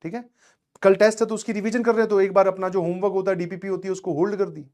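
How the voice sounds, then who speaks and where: A man's voice: high voice, level tone, rapid-fire, a little mellow. A man teaching and motivating students in a casual storytelling way, often checking in with his listeners and mixing in English words. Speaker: coaching teacher.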